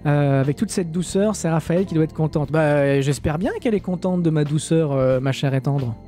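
Un streamer français sans accent qui commente un simulateur de vol en direct, lit le chat et plaisante, avec beaucoup d'hésitations. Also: male voice, on the high side, normal speed, warm tone, soft background music. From France. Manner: chatty, joking, many hesitations. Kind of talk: live-stream flight sim commentary, reading chat.

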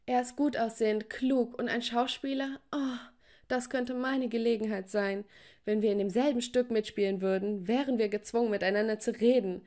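A woman's voice: a little high, steady tone, moderate pace, darkish tone. A woman telling a first-person story in a dramatic style, with sighing exclamations, over faint music. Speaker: narrator.

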